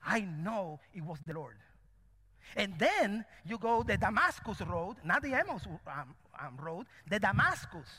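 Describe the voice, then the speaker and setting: Animated preacher with a Cuban-born lilt. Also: male voice, very high voice, big-room sound. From Cuba. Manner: animated, dramatic preaching with acted-out voices. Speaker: pastor. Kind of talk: sermon.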